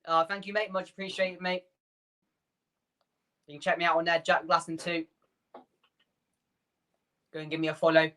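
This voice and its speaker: A man hosting a fan watchalong, calling the match player by player in quick bursts and chatting with his viewers between the action. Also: fairly high pitch, flat delivery, sharp tone. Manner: rapid player-by-player calls, chatty asides to viewers. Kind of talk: live play-by-play fan commentary.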